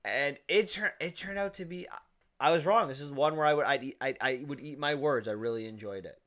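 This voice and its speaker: A man's voice: fairly high pitch, brisk, fairly bright tone. A man co-hosting a movie podcast, talking enthusiastically and rambling with frequent restarts. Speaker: podcast co-host. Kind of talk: casual movie review chat.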